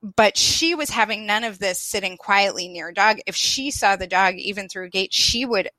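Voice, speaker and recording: A woman in her thirties telling a story in a casual conversation, animated and self-deprecating, often laughing. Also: mid-range voice, normal speed, no echo. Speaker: guest.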